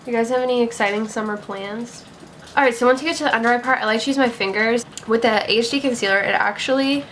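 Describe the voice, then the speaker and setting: A woman's voice: fairly high pitch, fast talker, fairly bright tone. Young female vlogger, casual talk-through makeup tutorial, breezy filler-heavy delivery, faint background hiss. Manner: chatty, upbeat, lots of "like" and "gonna". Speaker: beauty vlogger.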